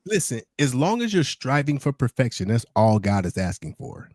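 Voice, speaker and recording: Animated, playful man co-host. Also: mid-range voice, normal speed, no room sound, studio quality. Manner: playful and animated, drifting into preachy Bible talk. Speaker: podcast co-host. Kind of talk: casual chat. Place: podcast studio.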